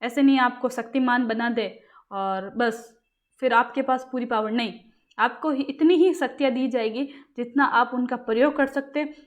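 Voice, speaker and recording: A woman's voice: on the high side, moderate pace. A woman teaching exam-prep material in a casual lecture. She quizzes her listeners and answers herself. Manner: repeats questions to the class and answers them herself.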